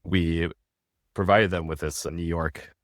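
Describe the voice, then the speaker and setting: A man's voice: low-pitched, steady tone, measured pace, dry recording, studio quality. A man talking casually as a podcast guest, explaining steadily and often tagging his points with "right?". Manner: tags statements with a questioning "right?"; explains steadily, with small restarts. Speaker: guest, restaurant tech founder.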